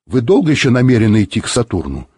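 A man voicing a stern male ship commander who speaks in a gruff, terse bass. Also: wildly swooping pitch, fast, mellow, no echo.

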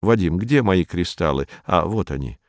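A man reading as a gruff crewman who mutters his words quietly. The voice sits low and deep, recorded close and dry. He sounds blunt and unimpressed. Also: lively intonation, moderate pace, dry recording. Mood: grumbling.

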